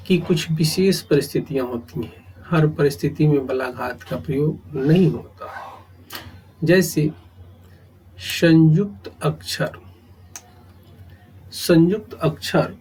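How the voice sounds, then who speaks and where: Slow, deliberate male grammar teacher. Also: on the high side, mellow, a little hiss or hum, low-quality recording. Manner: speaks in short phrases with long pauses, repeating key terms.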